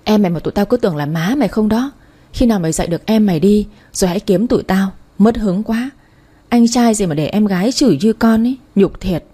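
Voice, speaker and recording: A woman voicing an idle male drinking buddy who jeers and makes excuses, speaking quickly. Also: mid-range voice, warm tone, breathy edge, natural voice. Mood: jeering. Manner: jeering, defensive.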